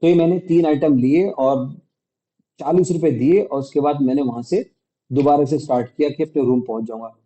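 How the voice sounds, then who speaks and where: A man's voice: a little high, moderate pace, mellow, muffled recording. A man from India telling a personal story in a casual vlog, chatty and acting out quoted dialogue, mixing in English words. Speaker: vlogger.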